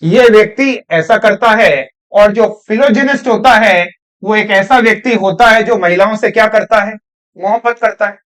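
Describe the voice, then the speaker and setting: Guy teaching english grammar class, high voice, keeps asking students questions. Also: normal speed, a bit bright. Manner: questioning, coaxing students, repeats words. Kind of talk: classroom lecture.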